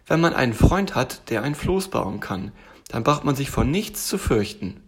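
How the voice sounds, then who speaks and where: A man voicing a small, eager, excitable male tiger in a bedtime storybook reading, gushing with wide-eyed delight. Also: medium pitch, moderate pace, breathy edge.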